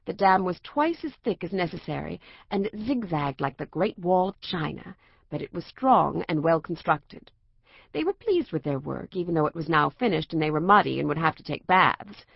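A woman reads a children's storybook aloud with an expressive, lilting delivery. Her voice carries a gravelly texture. The recording is dry and slightly dull. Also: fairly low pitch, moderate pace, dry recording. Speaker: narrator.

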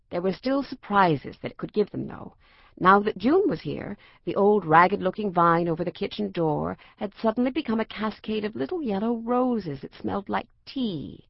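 A woman reads a children's storybook aloud with an expressive, lilting delivery. Her voice carries a gravelly texture. The recording is dry and slightly dull. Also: mid-range voice, no echo. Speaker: narrator.

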